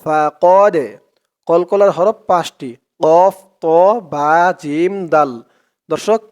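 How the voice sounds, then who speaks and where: A man with a Bangladeshi Bengali accent teaching Quran reading, reciting words aloud and then explaining the rules slowly. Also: sits high, a little mellow. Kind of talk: step-by-step recitation lesson.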